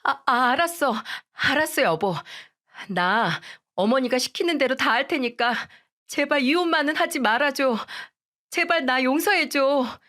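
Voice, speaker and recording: A woman's voice: high-pitched, animated, measured pace, fairly bright tone, pitched above the performer's own voice. A woman voicing a desperate young daughter-in-law who begs for forgiveness in a raised, pleading voice. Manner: begging, tearful pleading.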